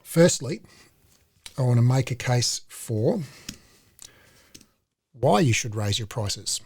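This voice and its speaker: A man, a company CEO, hosting a live online webinar in a relaxed, conversational way, with fillers and restarts, over a video call. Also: medium pitch, slow, slightly rough, no room sound.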